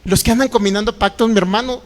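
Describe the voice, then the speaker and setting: A man's voice: high-pitched, fairly even intonation, fast, big-room sound, a little hiss or hum. A man preaching a sermon to an online audience, emphatic and mocking, with frequent exclamations.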